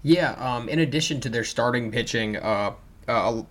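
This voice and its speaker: A man's voice: mid-range voice, normal speed, a bit bright. Chatty male sports podcast co-host. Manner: chatty, loose, with fillers and restarts. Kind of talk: casual sports podcast chat.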